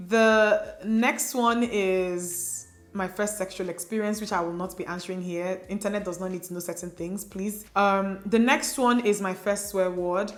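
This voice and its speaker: A young Nigerian woman, a native Igbo speaker, chats casually to camera as a beauty vlogger. Her medium-pitched voice sounds roomy, and her confiding, chatty delivery is packed with fillers.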